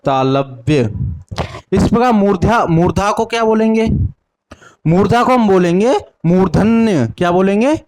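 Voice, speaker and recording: A young man with a north Indian Hindi accent teaches at an unhurried pace, with a fairly high pitch. He sounds out each syllable in turn and fires questions that he answers himself, repeating each answer. He often stops to correct himself mid-sentence. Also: animated, a little mellow. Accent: Hindi-speaking north Indian. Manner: sounds out syllables slowly one by one. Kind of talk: classroom lesson with call-and-response drills.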